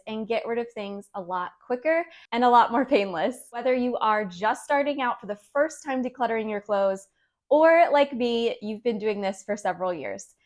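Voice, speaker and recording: A woman in her thirties hosting a decluttering vlog, talking in a friendly, encouraging way with light laughs. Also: fairly high pitch. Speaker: decluttering channel host. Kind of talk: casual instructional vlog talk.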